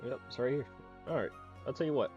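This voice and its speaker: A man's voice: medium pitch, quick pace, a little mellow, muffled recording, faint music behind. A man giving casual reaction commentary as a streamer, rambling with lots of fillers, restarts and swearing.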